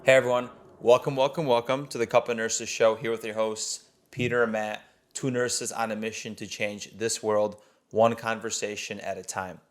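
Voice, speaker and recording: A man's voice: fairly low pitch, steady tone, normal speed, hardly any pauses. A man hosting a podcast, reading its scripted intro and announcements in an upbeat, announcer-like way. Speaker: podcast host.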